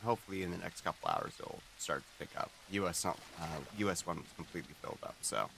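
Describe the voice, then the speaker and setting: Deep, gravelly-voiced male game streamer. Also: fast talker, a little hiss or hum, low-quality recording. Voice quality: groggy morning voice. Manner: speaking quietly, relaxed. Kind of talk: casual live-stream chat.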